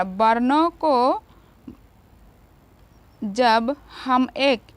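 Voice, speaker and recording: A woman teacher giving a grammar lesson to children, asking questions and answering them herself. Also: high voice.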